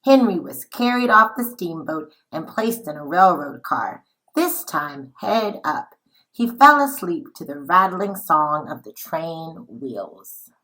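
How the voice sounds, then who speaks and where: A woman reading a children's picture book aloud like a teacher, in a dramatic, deliberate, expressive way. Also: sits low, low-quality recording. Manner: dramatic, deliberate, with acted-out dialogue.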